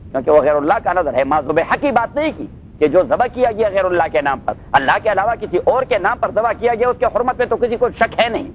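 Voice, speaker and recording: High-voiced man teaching Quran commentary. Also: a bit bright, slight background noise. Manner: recites Arabic slowly, then explains and checks with listeners; mixes in English phrases. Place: class in Los Angeles.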